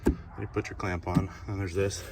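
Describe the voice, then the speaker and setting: Low-voiced man walking through a car install. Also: normal speed, heavy background noise. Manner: relaxed, explains step by step while working. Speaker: car DIY vlogger. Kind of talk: casual install walkthrough. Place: outdoors by a car engine bay.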